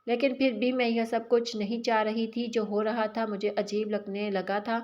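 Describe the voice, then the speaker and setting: A woman's voice: fairly high pitch, level tone, a little mellow, dull audio. Woman narrating a wistful romance story.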